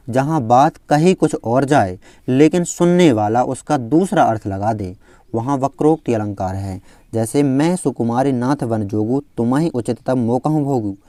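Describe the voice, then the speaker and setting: A man teaching an exam-prep Hindi grammar lesson, explaining step by step and repeating the key definitions, slowing down to recite verse examples. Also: medium pitch, warm tone, no room sound.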